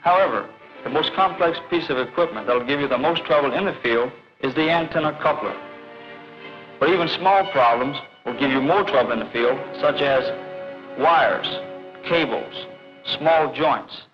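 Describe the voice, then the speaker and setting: Higher-voiced sergeant instructor, played by a man. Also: normal speed, close to an everyday voice. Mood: methodical. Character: methodical male Marine sergeant teaching a class. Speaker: military instructor. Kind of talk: formal technical classroom instruction. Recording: muffled vintage film soundtrack with music.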